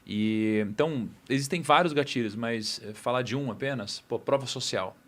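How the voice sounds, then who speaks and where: A man's voice: mid-range voice, moderate pace. Reflective man explaining on a podcast. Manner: reflective, explanatory, frequent tag questions. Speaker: podcast guest. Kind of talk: casual podcast discussion.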